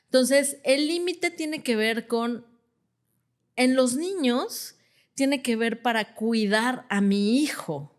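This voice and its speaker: A woman, a clinical psychologist explaining calmly with everyday examples and checking in with "ajá". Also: fairly high pitch, takes it slowly. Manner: acts out quoted parents in a different voice. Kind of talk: conversational explanation.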